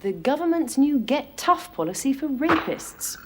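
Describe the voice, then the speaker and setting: Lively spoof TV newsreader. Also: female voice, high voice, normal speed. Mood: mock serious. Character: female TV news presenter in comedy sketch. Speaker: presenter. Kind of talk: mock news headlines, scripted. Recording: very noisy TV studio recording.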